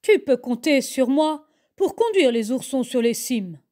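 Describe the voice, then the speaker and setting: A woman voicing a steady, careful mountain ibex who firmly guides and warns the cubs. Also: sits high, unhurried.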